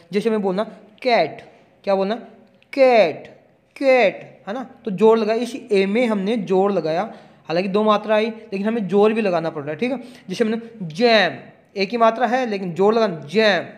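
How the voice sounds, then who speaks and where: A man explains phonetic symbols to his students. He speaks in a fairly high voice and says each example word over and over. He hits the sounds hard to show where the stress falls. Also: a little mellow. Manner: repetitive, drills each sound aloud, stresses words for emphasis. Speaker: teacher. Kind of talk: classroom explanation.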